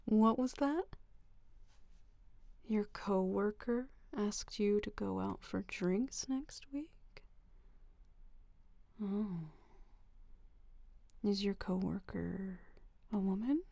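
A woman's voice: mid-range voice, vocal fry, no echo, full character voice. A woman playing a possessive, whispering lover. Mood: teasing jealous. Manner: slow, intimate half-whispering with soft giggles. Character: possessive, jealous, doting female lover. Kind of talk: audio roleplay addressed to the listener.

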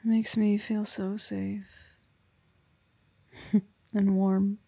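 A woman performs a soft-spoken ASMR roleplay as an affectionate young wife and mother, close to the mic, soft and intimate, often whispering, with small laughs. Her mid-range voice is breathy and tender, fully in character, with a flat delivery at a very slow pace.

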